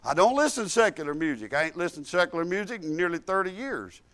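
Animated and fast-talking, this middle-aged man has a voice that sits high with a bit of brightness. He is a church speaker sharing a fervent, folksy testimony, dropping in hallelujahs throughout.

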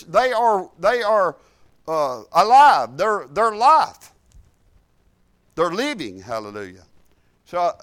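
His voice sits high, smooth and a little bright. The middle-aged church speaker offers a sermon testimony in a fervent, folksy way, peppered with hallelujahs.

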